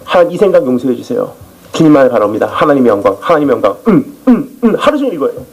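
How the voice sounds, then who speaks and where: A man preaching a sermon in church as a missionary, telling his testimony in an animated storytelling way. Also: medium pitch, rapid-fire, rough recording.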